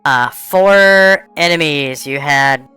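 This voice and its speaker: Mężczyzna prowadzący grę fabularną jako mistrz gry, z głosem przepuszczonym przez filtr zmieniający go na kobiecy. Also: male voice, on the high side, bright, forceful tone, clear, resonant tone, no echo, faint music behind, voice pushed up. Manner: unhurried, explaining rules and scenes. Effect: female voice changer filter. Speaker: game master. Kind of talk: narrating an online tabletop game.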